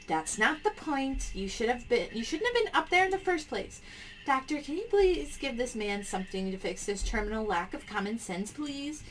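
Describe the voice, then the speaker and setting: A woman acts out a scolding spouse from a game. The delivery is exasperated and theatrical, with pauses for emphasis. The voice runs on the high side over faint noise. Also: lively intonation, fairly bright tone, poor audio.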